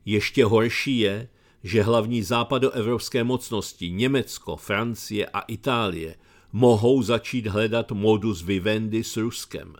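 Sardonic Czech man reading commentary. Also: on the low side. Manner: sardonic, dry storytelling. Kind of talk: read-aloud commentary.

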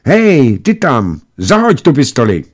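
A man's voice: mid-range voice, very animated, voice pushed up. A man voicing a scrappy, wary young village boy who talks bluntly and suspiciously. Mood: bold, suspicious.

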